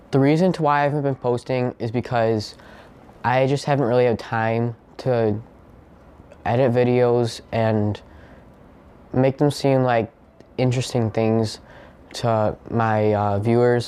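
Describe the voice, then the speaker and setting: A young man talking casually to his viewers in a halting, informal way, recorded on a phone. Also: mid-range voice, a little mellow, smooth. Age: young adult. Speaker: vlogger. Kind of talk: casual vlog talk.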